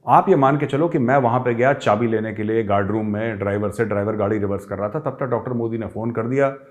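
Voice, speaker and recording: Animated middle-aged male storyteller. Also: on the low side, fast talker, lo-fi sound. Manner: lively, acts out quoted people with raised voice, mixes English phrases. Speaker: show host telling a personal story.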